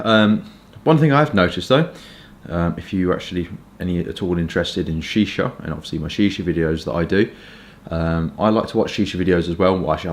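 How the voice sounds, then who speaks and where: A man from Kent with a southern English accent, chatting informally and hesitantly in a rambling casual review, with stop-start pauses. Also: low-pitched. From Kent, England. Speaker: pipe tobacco reviewer.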